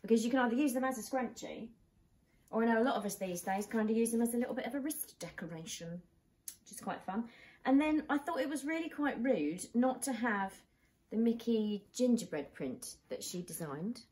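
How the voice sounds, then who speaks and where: A woman's voice: fairly high pitch, expressive, fairly quick, a little mellow. A British woman in her thirties chatting casually as a vlog co-host in her living room.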